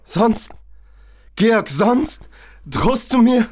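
A man's voice: very high voice, animated, drawn-out words, darkish tone, pitched above the performer's own voice, heavily acted. A man voicing Eileen, a frightened and desperate young woman who pleads through a locked door in a horror audio story. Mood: distraught.

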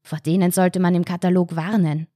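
A woman's voice: fairly low pitch, little pitch movement, brisk, warm tone, no echo, studio quality, lightly acted. Woman reading as a fussy holidaymaker. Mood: irritated. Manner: fretful, rising to agitated.

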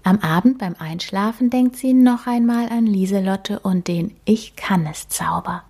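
A woman reading a children's storybook aloud in a gentle, expressive, half-whispered way. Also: medium pitch, measured pace, slightly rough.

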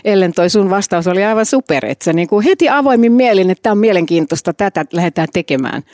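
A woman hosting a casual book-club podcast, chatty and quick to laugh. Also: mid-range voice, lively intonation, a little mellow, dry recording, clean studio sound. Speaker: podcast host.

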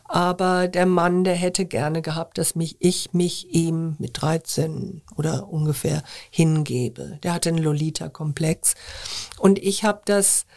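An older woman, a former journalist, answering interview questions in a measured, thoughtful way with frequent hesitations. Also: low-pitched, fairly even intonation, a little mellow.

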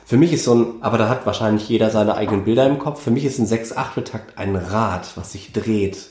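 A man's voice: fairly low pitch, quick pace, a little mellow, a little hiss or hum. A man explaining music theory in a casual conversation, counting beats aloud to demonstrate. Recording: roomy echo.

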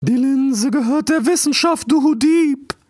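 A frantic female owl of learning shrieks orders in a voice far above normal speech. Her commands stretch out long and loud. The recording is dry and close. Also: no echo, faint music behind. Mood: indignant. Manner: high, shrieking, drawn-out commands. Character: shrill old female owl scholar, frantic.

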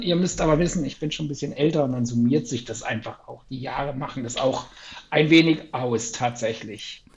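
A man in his sixties, a podcast guest and coach, telling stories about himself in a chatty, self-deprecating way with small chuckles. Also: medium pitch. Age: 60s. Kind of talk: casual podcast interview. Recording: dull lo-fi sound.

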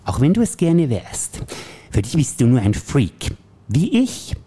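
A man's voice: medium pitch, very animated, measured pace, warm tone, slightly rough. A man voicing the Joker, a manic scheming clown villain who taunts in a sing-song way. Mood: taunting.

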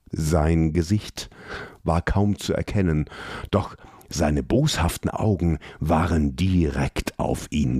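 A man narrates a fantasy tale with a very deep, husky voice, taking his time over each line. He reads in a measured, dramatic way. The sound is close and completely dry. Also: a little mellow, no room sound. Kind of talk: scripted fantasy audiobook narration.

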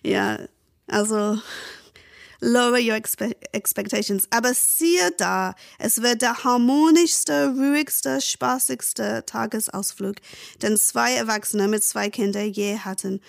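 A woman's voice: a little high, slow pace, creaky. A woman from Britain with an English accent, a native English speaker, chatting animatedly as a guest and reading her own story aloud, often repeating words as she searches for them. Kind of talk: casual chat and reading aloud.

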